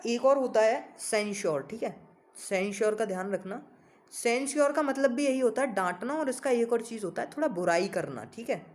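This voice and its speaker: Speaking in a high voice, a male coach runs a relaxed English vocabulary lesson, addressing students informally and spelling each word letter by letter.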